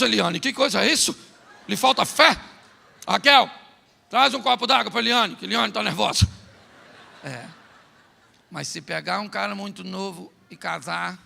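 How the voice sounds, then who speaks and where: A man's voice: extremely high pitch, gravelly, pushed and bright. A man with a Brazilian Portuguese accent preaching a sermon in a large church hall, teasing and joking directly with his congregation. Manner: humorous, teasing, talks straight to the congregation. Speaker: pastor.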